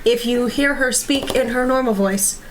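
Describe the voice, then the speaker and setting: A woman with a calm, soothing serial-killer manner, introducing things casually as a player at a tabletop game. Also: on the high side, normal speed. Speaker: tabletop role-playing player. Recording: noisy room with clicks.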